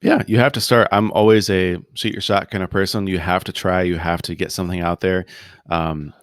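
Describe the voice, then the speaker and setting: A man talking casually as a podcast guest over a video call, relaxed and rambling, full of fillers and restarts. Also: low-pitched, fairly quick, dry recording, clean studio sound. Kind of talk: casual interview conversation.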